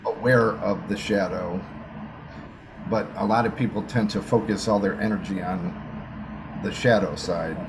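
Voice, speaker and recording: A man giving a reading, explaining each point in a slow, measured way. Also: on the low side, steady tone, background noise. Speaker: gene keys reader.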